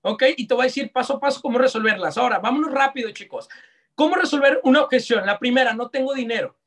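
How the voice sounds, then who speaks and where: A young Mexican man with a Mexican accent, giving live online sales coaching in a lively, slangy way that talks straight to his audience. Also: extremely high pitch, fast. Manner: energetic, slangy, addresses audience directly. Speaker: sales trainer.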